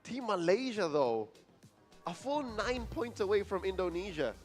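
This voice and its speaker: Esports caster, male, high-pitched and animated, exclamatory live play-by-play with light music behind. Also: unhurried.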